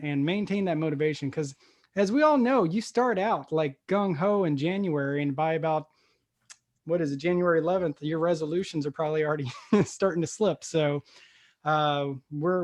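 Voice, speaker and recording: A man hosting an investor meetup, listing his goals and introducing the guest in an upbeat way, with frequent pauses. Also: a little high, darkish tone. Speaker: meetup host.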